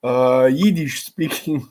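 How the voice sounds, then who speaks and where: A man with a Slovenian accent, a native Slovene speaker, hosting a live-streamed interview over a video call. He speaks haltingly, with frequent pauses and fillers. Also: mid-range voice, darkish tone. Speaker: podcast host.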